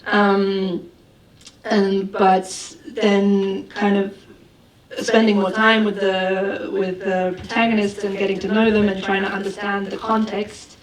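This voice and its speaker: At a festival screening, a female filmmaker responds to audience questions slowly and thoughtfully, stumbling into restarts and fillers. Her mid-range voice stays level. The hall is spacious, the mic is distant, and the crowd can be heard.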